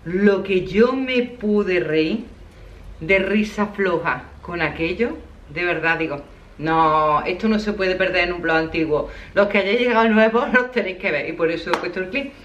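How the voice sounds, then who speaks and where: A woman's voice: lowish voice, normal speed, fairly bright tone, lo-fi sound. A woman with a Spanish accent from Spain, chatting casually in a vlog, laughing often and sighing with emotional exclamations. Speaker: vlogger.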